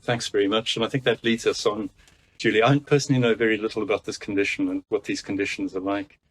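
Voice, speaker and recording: A man's voice: fairly low pitch, fairly even intonation, fast talker, breathy edge, poor audio. A man hosting an interview podcast, presenting and putting questions to his guests. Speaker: podcast host. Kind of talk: scripted podcast introduction and interviewing.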